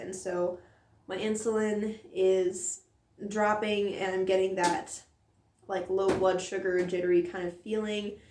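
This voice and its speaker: A mother records a candid personal vlog, rambling earnestly with many fillers, her voice strained by a sore throat. Her voice is medium-pitched, gravelly and darkish, set back from the mic in a room with echo.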